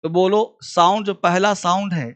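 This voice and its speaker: A high-voiced man teaches a beginners' grammar class. He keeps asking the class questions and answering them himself. He repeats each phrase slowly so students can copy it down. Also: steady tone, a bit bright.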